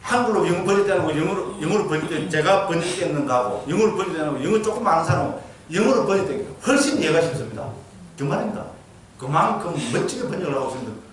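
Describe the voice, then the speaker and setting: A monk with a Gyeongsang accent gives a dharma lecture in a temple lecture hall, recorded from far off with an echoey sound and a little hiss or hum. His fairly high voice races along with lively intonation as he keeps asking the audience questions and checking with frequent "geujyo?"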